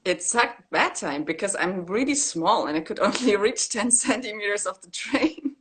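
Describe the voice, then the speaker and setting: A woman's voice: medium pitch, normal speed, slight background noise. A woman from East Germany, chatting candidly about her work in a video-call interview, with many fillers. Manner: relaxed, candid, with frequent fillers and laughs. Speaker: graffiti artist guest. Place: indoor room at home. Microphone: laptop webcam on a video call.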